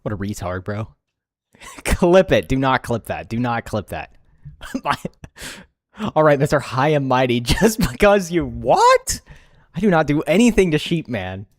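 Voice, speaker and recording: A man's voice: a little high, big pitch swings, measured pace, no echo, studio quality. A young man doing live reaction commentary as a streamer, incredulous and laughing often.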